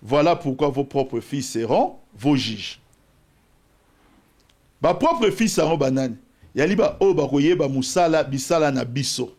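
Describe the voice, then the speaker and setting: This Congolese man from Bas-Congo, DR Congo, has a medium-pitched voice and a measured pace. As a political debate guest, he argues his case animatedly and combatively, citing scripture, with a Congolese accent.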